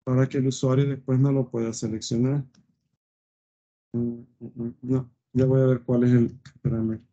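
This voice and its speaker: A male web design teacher talks through his code, pausing on hums and asking his class "¿sí?" as he goes. His voice is mellow and dark. It comes through a dull, lo-fi computer mic recording. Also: mid-range voice, flat delivery. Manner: thinks aloud with fillers and frequent "¿sí?" checks. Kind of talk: live coding lesson.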